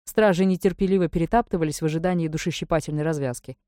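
A woman narrating an audiobook in the first person, measured and wry. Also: deep voice, warm tone, no room sound, studio quality.

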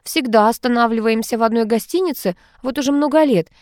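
A woman's voice: fairly high pitch, brisk, darkish tone, no echo, studio quality, pitched above the performer's own voice, close to an everyday voice. Woman reading as a chirpy, fussy rich lady.

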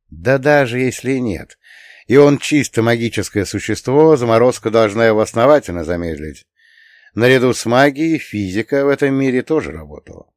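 A male audiobook narrator reading first-person fantasy in a wry, casual voice of middle pitch. He tells the story like a conversation and drops in a curse now and then. The recording is close and completely dry. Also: dry recording. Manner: wry, conversational, with occasional swearing.

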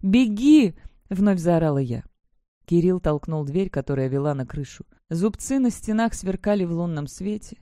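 A woman narrating a first-person fantasy audiobook in a steady, measured way. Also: on the low side, no room sound, clean studio sound.

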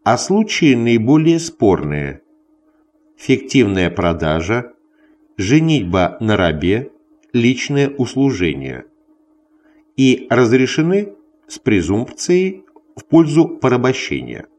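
A man reading a scholarly history text aloud in measured separate phrases, as if dictating it. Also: medium pitch, sing-song, a little mellow. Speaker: audiobook reader.

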